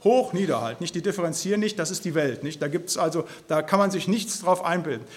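A man's voice: a little high, fast. A man giving an informal Bible teaching, earnest and emphatic, tagging his sentences with "halt, nicht?". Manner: speaks in a loose spoken style, tags sentences with "halt, nicht?". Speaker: preacher.

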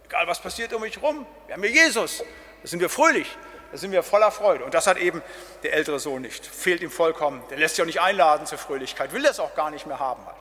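A man's voice: on the high side, animated, quick pace, bright, forceful tone, big-room sound. A middle-aged man, a pastor, giving a casual Bible study talk and dropping in "ne?" and "halt" as he goes. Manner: casual, with tag questions "ne?" and "halt".

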